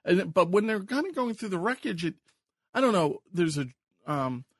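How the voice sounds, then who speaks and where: Man, Long Island accent, podcast co-host, gravelly, dry close sound, rambling and enthusiastic. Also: high voice, big pitch swings, normal speed, a bit bright, dry recording. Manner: rambling, self-correcting, enthusiastic. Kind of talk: casual podcast chat.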